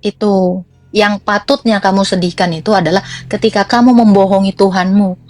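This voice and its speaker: A woman's voice: medium pitch, fairly even intonation, normal speed, darkish tone, faint music behind. A young woman preaching in a blunt, teasing rant that mixes slang with scripture.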